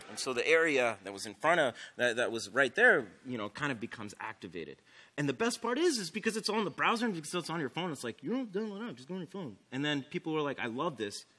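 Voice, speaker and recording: A man's voice: mid-range voice, bright, forceful tone. A man giving a casual, enthusiastic conference talk on stage, full of "like" and "um". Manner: enthusiastic, filler-heavy, many "like"s. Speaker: conference speaker. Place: conference stage before an audience.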